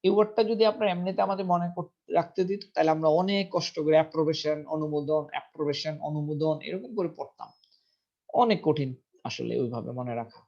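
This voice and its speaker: A man's voice: on the high side, vocal fry, a little mellow. A man teaching English vocabulary in a casual lesson, repeating each word several times and checking pronunciation aloud. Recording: dull lo-fi recording.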